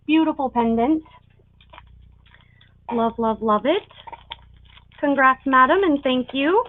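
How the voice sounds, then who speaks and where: A tinny, phone-like recording of a woman auctioneer running a live online sale. Her voice is fairly high and she takes her time, talking through items and calling bids at a very unhurried pace. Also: expressive, slight background noise.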